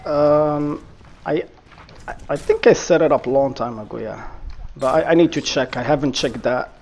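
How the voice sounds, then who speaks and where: A man's voice: on the high side, moderate pace, vocal fry, a little mellow, slight background noise. A man live-streaming and chatting on voice chat, hesitant and stumbling over words.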